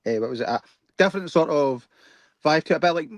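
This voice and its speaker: A man in a casual chat, talking haltingly and repeating "eh, what was it". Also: a little high, lively intonation, no room sound. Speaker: guest co-host.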